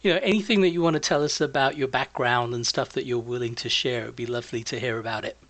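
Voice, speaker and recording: A man's voice: medium pitch, fast talker, a bit bright, dry recording. A man hosting a casual podcast, chatty and encouraging as he puts questions to his guests. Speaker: podcast host. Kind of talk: casual interviewing.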